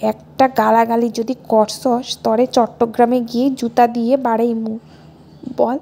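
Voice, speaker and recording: A blustering old father who scolds loudly and angrily, as a woman narrator puts him on. The voice is raised and forceful, and it stays a little high. He is a hot-tempered storybook character. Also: flat delivery, unhurried, gravelly. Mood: scolding.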